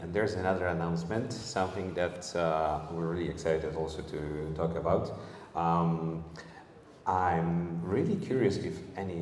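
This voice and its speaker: A man hosting a convention panel, friendly and halting with many fillers. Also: low voice, darkish tone. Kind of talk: convention stage presentation. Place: convention hall stage. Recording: roomy echo, long hall reverb, faint hall noise.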